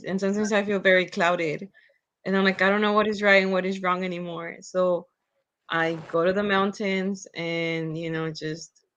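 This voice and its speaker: A woman's voice: fairly low pitch, fairly bright tone. A woman who leads students, answering in a reflective, hesitant way with many fillers, heard over a muffled video call. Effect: muffled, lo-fi video call line from a distance. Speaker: student leader. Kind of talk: video call panel discussion. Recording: dull lo-fi remote call audio.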